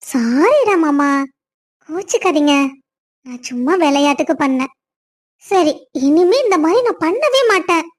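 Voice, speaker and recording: Cartoon young wife voiced by a woman, very high voice, playful, teasing, coaxing. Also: expressive, normal speed, long pauses. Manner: teasing, sing-song, coaxing. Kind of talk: cartoon voice acting.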